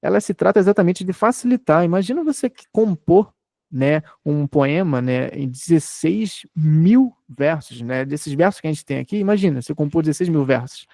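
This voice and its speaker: A man's voice: on the high side, expressive, normal speed, gravelly, darkish tone, no echo, clean studio sound. A man in his thirties from Brazil, giving an online lecture, explaining patiently and checking in often with his students. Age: 30s. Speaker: teacher.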